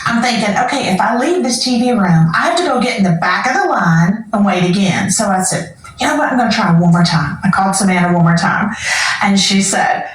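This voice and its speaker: A middle-aged woman telling her story as an interview guest, animated and emotional. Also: mid-range voice, a little fast, very echoey, poor audio.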